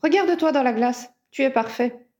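Brief: cheerful, insistent young male wizard, warm and mellow, voiced by a woman narrator. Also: high-pitched, normal speed, voice pushed up, natural voice.

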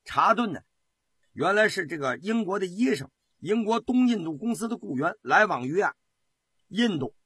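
Husky, animated male storyteller. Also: high voice, normal speed, no echo. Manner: dramatic, animated, colloquial. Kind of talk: traditional Chinese oral storytelling.

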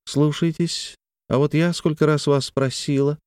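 A man reading the lines of a reserved, proud young woman in a measured, slow and restrained way. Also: on the high side, fairly even intonation, darkish tone, smooth, dry recording, studio quality, voice pushed up, close to an everyday voice. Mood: reproachful.

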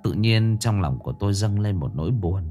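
Man, ghost story narrator, dramatic, lively intonation, faint background music. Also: on the low side, a little fast. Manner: dramatic, expressive reading.

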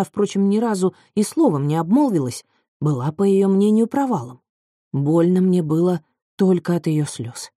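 A woman reading a novel aloud in a measured, even way. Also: mid-range voice, dry recording, studio quality. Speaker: audiobook narrator. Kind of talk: scripted narration.

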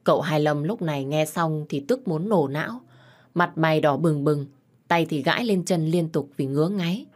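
Woman narrating a story, low voice. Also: moderate pace, darkish tone. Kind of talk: first-person story narration.

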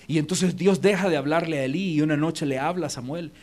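Brief: emphatic male preacher, high voice, church sermon. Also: fast talker, a little mellow. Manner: emphatic, addresses congregation directly. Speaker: pastor. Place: church auditorium.

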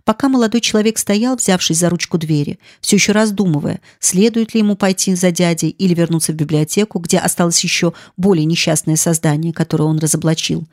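A woman reads a classic novel in a calm, even storytelling voice. Her pitch sits a little low. The recording is dry and close. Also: a little fast, few pauses, no echo. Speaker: audiobook narrator. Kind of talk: scripted narration of a classic novel.

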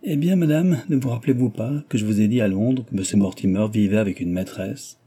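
A man reading an audiobook voices a giddy, mocking young noblewoman who gossips in a lively, teasing way. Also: on the low side, brisk, slightly rough. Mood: gleeful gossip. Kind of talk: audiobook reading of a classic novel.

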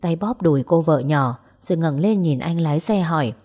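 A woman narrating a romance story aloud and voicing its characters in a gentle, even way. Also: low voice, moderate pace. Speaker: audiobook narrator. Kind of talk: storytelling narration with dialogue voices.

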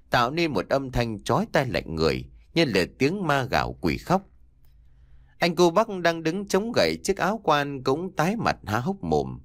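A man narrating a spooky village tale, telling it in a dramatic, expressive storytelling manner. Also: mid-range voice, no echo, studio quality. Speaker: audiobook narrator. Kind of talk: scripted horror story narration.

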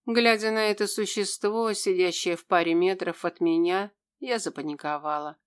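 A woman giving scripted first-person narration of an audiobook in an even, steady reading. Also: on the low side, moderate pace, smooth.

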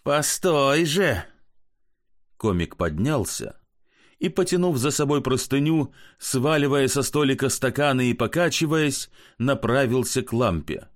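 A man narrating a story in an expressive audiobook reading. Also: medium pitch, normal speed.

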